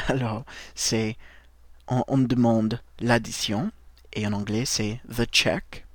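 A man gives a language lesson in a very slow, deliberate voice. He repeats each word and spells it out letter by letter. The recording is dry and close, with no room sound. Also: mid-range voice, steady tone, no room sound. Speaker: English teacher.

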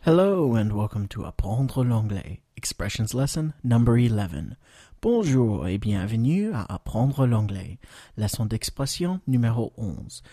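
An American man hosts a podcast lesson in a dark, mellow voice. He talks patiently, pausing often on fillers and slowing down for model phrases. The recording is close and dry, with no room sound. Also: medium pitch, big pitch swings, dry recording, faint music behind. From United States. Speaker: English teacher, podcast host.

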